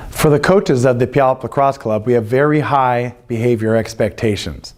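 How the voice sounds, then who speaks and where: Speaking at normal speed in a mid-range voice, a middle-aged American youth lacrosse coach who represents his club walks through its rules. His instructional manner is earnest and plain-spoken, and he keeps stressing and repeating what matters most.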